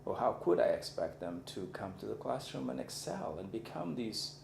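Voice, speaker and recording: Speaking at a moderate pace with lively intonation, a deep, gravelly-voiced man gives a reflective personal lecture. He teaches at a university, comes from Mozambique, and speaks Xangana as his first language; he is thoughtful and searches for words in an echoey room with faint background noise.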